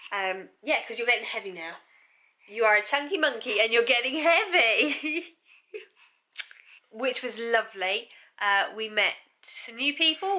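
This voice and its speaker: A young English woman vlogging casually, her voice congested from a cold, soft-spoken and chatty. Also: mid-range voice. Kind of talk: casual vlog chat.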